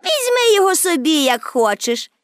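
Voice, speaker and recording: A cocky, fearless little girl, as a woman puts her on for a storybook, her voice pitched high and swinging up and down with glee. Recorded close and dry. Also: very animated, moderate pace, no room sound. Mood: scornful. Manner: high, bright, cocky and playful. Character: bold cheerful strong red-haired girl.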